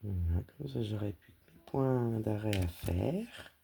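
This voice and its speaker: A woman's voice: very deep voice, expressive, a little slow, creaky, warm tone, slight background noise. A woman cross-stitch vlogger chatting casually while she stitches and talks fondly to her dog.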